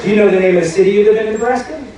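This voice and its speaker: A stage magician with a high, rapid-fire voice trades live banter with his audience in a large cruise ship theater, joking, teasing and erupting in bursts of loud hype. The recording is far off in an echoey hall, with crowd noise, chatter and laughter in the background.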